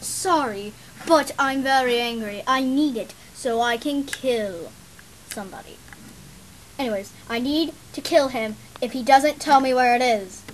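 A woman voicing a furious male villain boss who hates dogs, shouting and ranting. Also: sits high, normal speed, few pauses, a little hiss or hum, close to an everyday voice. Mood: angry.

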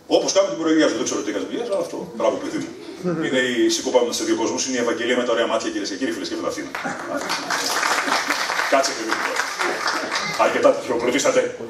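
A middle-aged man from Thessaloniki, Greece, telling funny family stories live on stage, animated and leaping to a high excited pitch at punchlines. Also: distant mic. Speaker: stand-up storyteller. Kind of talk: live stand-up storytelling. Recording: echoey room, voice from afar.

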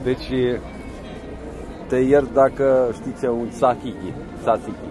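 A man joking and teasing while filming outdoors on a phone, loud church bells ringing behind him. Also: mid-range voice, music in the background. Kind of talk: casual chat while filming. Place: outdoors on a city street. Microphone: handheld phone.

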